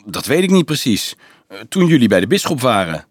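A man's voice: medium pitch, sing-song, a little fast, dry recording, studio quality. A man voicing an eager young tanner boy in a storybook reading, tumbling over his explanations.

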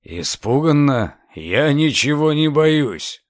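Fearful, secretive old man, voiced by a male reader; slow, quavering, pleading delivery. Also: a little high, very animated, no echo, studio quality. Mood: anxious. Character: frightened old secretive gentleman.

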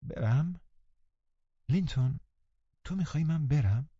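A man voicing an anxious, softhearted teenage girl who pleads gently. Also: mid-range voice, sing-song, husky, dry recording, muffled recording, pitched above the performer's own voice. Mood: pleading.

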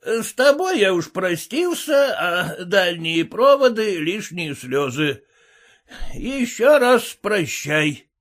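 An actor playing a proud, bitter old army captain, gruff, indignant and scornful. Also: male voice, high-pitched, very animated, slow pace, fairly bright tone, heavily acted. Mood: bitter farewell. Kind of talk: audiobook character reading.

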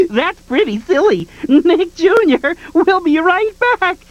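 A woman's voice: extremely high pitch, lively intonation, takes it slowly, dry recording, muffled recording, heavily acted. A woman voicing a cheerful, giggly cartoon face who jokes and plays with young children. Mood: giggly playful. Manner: giggly, playful, talks to kids. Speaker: kids' channel mascot. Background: music.

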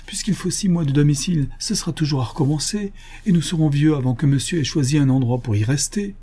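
A man's voice: fairly high pitch, fast talker, mellow, slightly rough, voice pushed up. A man voicing a timid, faithful aging male servant who stammers and pleads, in an audiobook reading. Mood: frightened pleading. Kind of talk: audiobook character voice.

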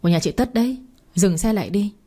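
A woman's voice: mid-range voice, expressive, fast, warm tone, breathy edge. A woman voicing a frightened young woman who pleads urgently. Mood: pleading.

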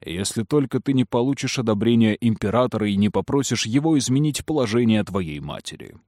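A man playing a cold, manipulative noble father who speaks slowly and firmly. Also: mid-range voice, expressive, darkish tone, dry recording, studio quality, close to an everyday voice. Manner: slow, firm, measured. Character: cold powerful aristocratic father, calm and manipulative.

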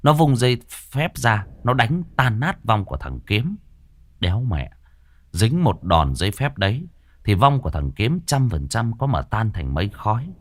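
A man narrating a ghost story with dramatic, expressive delivery. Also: fairly low pitch, measured pace, no room sound.

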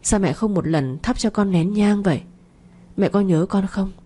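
A woman's voice: medium pitch, normal speed, warm tone, husky, close to an everyday voice. A woman voicing the ghost of a dead baby boy who weeps and accuses his mother. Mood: tearful. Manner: tearful, accusing.

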